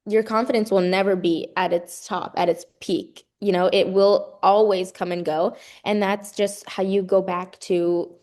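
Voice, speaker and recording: A woman's voice: mid-range voice, steady tone, a little slow, few pauses, darkish tone. A young adult woman, a college gymnast, speaking in an earnest, effusive and emphatic way as the guest in a casual interview.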